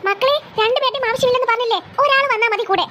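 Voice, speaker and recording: Fed-up scolding cartoon mom. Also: female voice, extremely high pitch, very fast, sharp tone, slight background noise. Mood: coaxing. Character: exasperated scolding mother of two girls. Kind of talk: cartoon voice acting.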